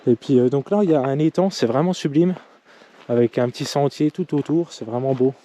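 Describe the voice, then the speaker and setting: A man narrating a casual hiking vlog outdoors, talking haltingly with many fillers and restarts. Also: medium pitch, mellow. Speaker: hiking vlogger. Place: outdoors on a forest trail.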